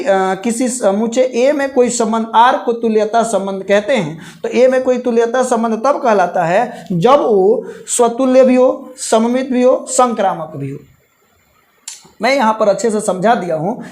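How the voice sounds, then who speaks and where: A man from India teaching a live online math class, explaining slowly step by step and repeating key terms with English words mixed in. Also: high-pitched, darkish tone.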